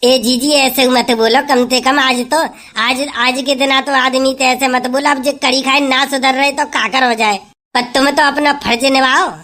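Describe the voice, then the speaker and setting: A woman's voice: sits high, fairly even intonation, moderate pace, fairly bright tone. A woman playing a sympathetic village sister-in-law who consoles and advises. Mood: consoling.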